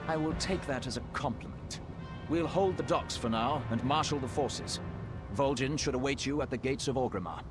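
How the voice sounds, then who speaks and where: A man voicing a composed, fastidious robed lord in a fantasy video game, dry and formal. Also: mid-range voice, lightly acted. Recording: music behind.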